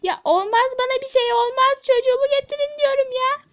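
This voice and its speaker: Give me a woman playing a desperate, high-pitched mother who shouts through tears. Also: brisk, highs cut off. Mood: frantic. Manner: shrill, crying and shouting. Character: frantic young mother desperate over her child. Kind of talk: Turkish toy-app drama voice acting.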